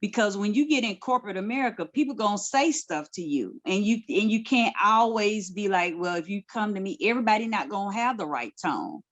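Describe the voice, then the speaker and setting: A woman's voice: mid-range voice, animated, fairly quick, few pauses, fairly bright tone. A middle-aged woman, a guest minister, giving direct, colloquial life advice in a casual podcast chat.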